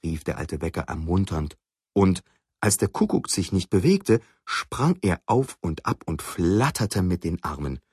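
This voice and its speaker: A man narrating a children's story in an expressive storytelling manner. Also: sits low, unhurried, breathy edge, no echo, clean studio sound.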